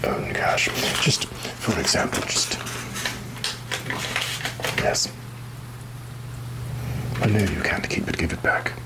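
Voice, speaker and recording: Pirate captain, played by a man: whispered ASMR, slow and deliberate, roguish, rum-loving, theatrically wary. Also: on the low side, rough recording. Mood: sly, instructive. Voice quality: breathy whisper. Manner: halting, deliberate, mock-grand phrasing. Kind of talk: whispered ASMR roleplay, addressing the listener.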